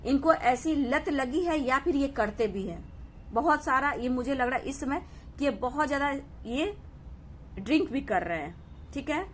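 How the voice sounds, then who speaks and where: A woman's voice: high voice, expressive, normal speed, a little hiss or hum. A woman giving a collective tarot reading, addressing viewers as "dear" and often repeating "okay" to reassure them. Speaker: tarot reader.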